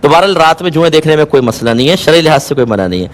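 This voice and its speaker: A man answering viewers' religious questions on a call-in show, calm and explanatory, asking listeners to check they follow. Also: fairly high pitch. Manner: calm, explanatory, patient advice; asks rhetorical checks, occasionally amused.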